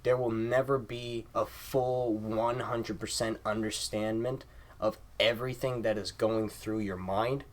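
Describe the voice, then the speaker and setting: A man teaching a lesson on communication in a measured, formal way, often restating his points. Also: lowish voice, fairly even intonation. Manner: measured, formal, repetitive phrasing. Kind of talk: explanatory lesson monologue.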